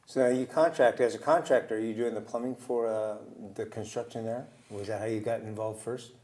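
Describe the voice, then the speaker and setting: A man hosting a community TV interview, asking his guests friendly, brisk questions. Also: lowish voice, steady tone, darkish tone. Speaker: host.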